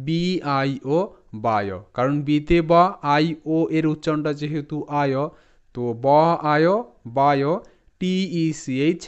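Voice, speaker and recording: Clear-voiced teacher, spelling slowly. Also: male voice, on the high side. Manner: patient, spells words letter by letter and repeats them slowly. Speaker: English pronunciation teacher. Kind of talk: spoken lesson to students. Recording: slightly dull lo-fi sound.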